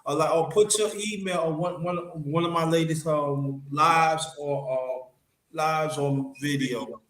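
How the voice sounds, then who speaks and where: A man chatting on a live stream, halting and full of fillers. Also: on the high side, steady tone. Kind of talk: casual live-stream chat. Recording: echoey room, faint noise.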